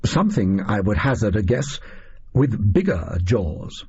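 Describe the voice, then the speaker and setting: Bloke doing baffled old-school english army doctor in an audiobook, hesitant, incredulous, very raspy, bit muffled. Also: male voice, on the low side, very animated, unhurried, a little mellow, exaggerated voice. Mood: unsure, guessing. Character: bemused, stolid male Victorian doctor and former army officer.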